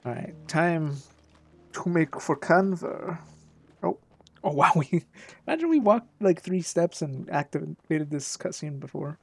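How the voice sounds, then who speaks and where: A woman's voice: sits low, lively intonation, a little slow, creaky, slightly rough, dry recording. A woman giving casual, chatty video game commentary, playful and thinking aloud.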